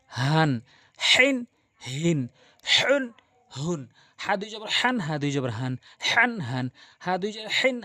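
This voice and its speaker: Man teaching quran recitation, stretches syllables out slow then rattles off explanations, dry close sound. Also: high voice, dry recording. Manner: repeats drawn-out syllables slowly, then explains quickly. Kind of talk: tajweed lesson, drilling letter sounds.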